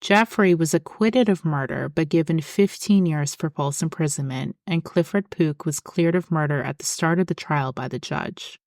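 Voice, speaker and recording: Woman host, low register, measured explanatory read of true-crime script, dry studio sound. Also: dry recording. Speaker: podcast host.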